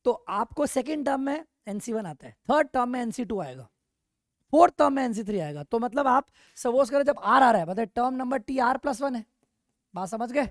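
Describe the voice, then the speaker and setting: A male math teacher lecturing a class, animated and constantly checking in with rhetorical questions. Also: very high-pitched, a little fast, dry recording, studio quality. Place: classroom with online students.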